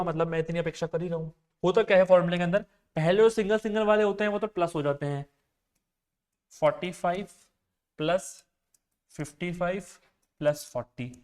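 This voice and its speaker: In an exam-preparation classroom lecture on maths and reasoning, a man explains things step by step and often asks whether students understand. His voice sits high with a darkish tone.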